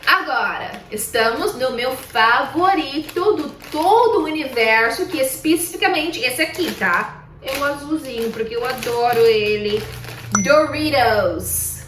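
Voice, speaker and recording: A woman's voice: sits high, lively intonation, measured pace, a bit bright, a little hiss or hum. A woman who speaks natively, co-hosting a casual lesson and drawing out her example words. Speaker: co-host, English speaker. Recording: echoey room, mic at a distance.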